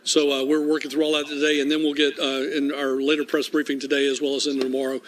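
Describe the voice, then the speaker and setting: A man's voice: mid-range voice, completely flat delivery, fast talker, a little hiss or hum. A man speaking as an emergency management official, giving a businesslike, explanatory update at a press briefing.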